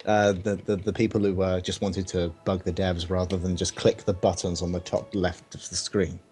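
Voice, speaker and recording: A man's voice: low voice, level tone, a little mellow, faint music behind. A man co-hosting a game stream, with dry, teasing banter. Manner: dry, teasing, quick talker. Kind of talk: casual chat on a game stream.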